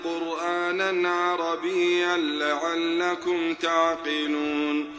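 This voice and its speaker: A man reciting a verse in slow, chanted recitation. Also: on the high side, echoey room, soft background music. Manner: slow, chanted on a steady note. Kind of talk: Quranic recitation.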